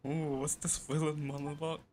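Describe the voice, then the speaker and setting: A man's voice: on the high side, level tone, fairly quick, a little mellow, a little hiss or hum. A man streaming a game with casual, reactive commentary, often muttering and repeating himself.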